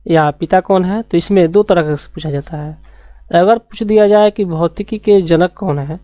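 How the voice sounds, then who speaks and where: Dark-voiced woman teaching a science class. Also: fairly low pitch, dry recording. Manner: repeats key terms slowly, asks rhetorical questions. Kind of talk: classroom lecture.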